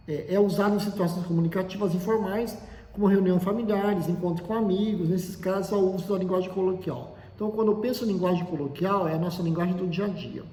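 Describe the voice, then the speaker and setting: A man's voice: high voice, quick pace, a little mellow. A man, lecturing as a teacher. He explains step by step, lists examples and keeps checking in with short tag questions. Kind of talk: classroom lecture on language. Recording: echoey room with long reverb.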